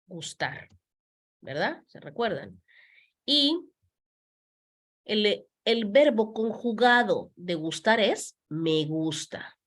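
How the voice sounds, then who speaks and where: A woman gives a beginner grammar lesson at an unhurried pace. Her voice moves animatedly up and down as she stresses key words. She repeats examples patiently and slips into English to explain. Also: mid-range voice, expressive, a bit bright. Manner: switches between Spanish and English, patient, repeats words slowly. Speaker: Spanish teacher. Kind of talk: slow explanatory language lesson.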